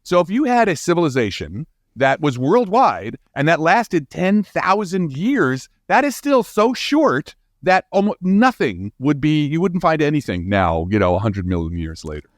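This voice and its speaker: A man with a fairly high voice appears as a scientist guest in an interview, explaining ideas in an animated, informal way. He keeps restarting his phrases haltingly and says "you know" often; the recording is studio quality with no room sound.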